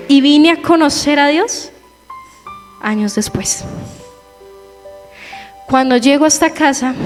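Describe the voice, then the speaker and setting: A young woman giving a personal testimony in church, telling her story with lively quoted asides. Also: high-pitched. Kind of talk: testimony sermon. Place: church hall. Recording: reverberant church hall with faint music.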